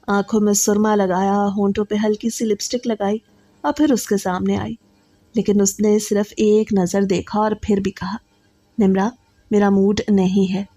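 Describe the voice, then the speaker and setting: A woman tells a first-person story in a steady, earnest way. Her voice is warm and mellow, with a medium pitch for a woman.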